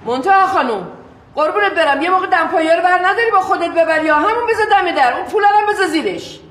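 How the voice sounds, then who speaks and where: A woman's voice: very high voice, animated, fairly bright tone. An actress playing a pushy, overfamiliar woman next door in a sitcom, insistent and chatty. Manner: insistent, overfamiliar, keeps calling her by the wrong name. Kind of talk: sitcom acting. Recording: roomy echo.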